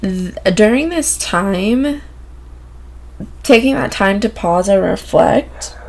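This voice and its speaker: A woman giving a gentle, reflective spiritual card reading from home, with many filler words. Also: mid-range voice, expressive, slow, creaky. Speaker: oracle card reader. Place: home room with windows open.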